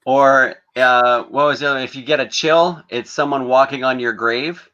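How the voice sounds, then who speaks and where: A man of middle pitch with a bright voice trades dry, teasing jokes in a casual online chat. His audio sounds dull and lo-fi, like a muffled stream feed. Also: fairly even intonation, normal speed. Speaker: guest cohost comedian.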